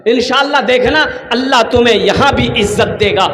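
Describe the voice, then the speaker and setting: A man's voice: very high-pitched, fairly quick, fairly bright tone. A man preaching a sermon to a large gathering, calling questions out to the crowd and slipping into Bengali phrases. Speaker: Islamic preacher. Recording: echoey hall, faint ambience.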